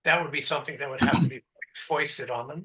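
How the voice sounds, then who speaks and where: A man's voice: a little high, steady tone, fast, a bit bright, rough recording. A man from Israel speaking as a panelist, making blunt, emphatic arguments in a policy discussion.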